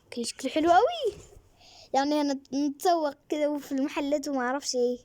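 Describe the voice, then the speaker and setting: Egyptian woman gaming host, quick chatty delivery, a bit high, excitable. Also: dry recording. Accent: Egyptian Arabic. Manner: chatty, excitable, with many fillers. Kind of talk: casual gameplay commentary.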